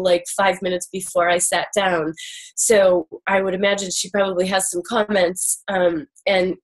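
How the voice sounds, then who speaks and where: A woman's voice: medium pitch, poor audio. A woman host speaking casually and candidly about herself, in a confessional style with emphatic repetition. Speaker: show host sharing her own journey.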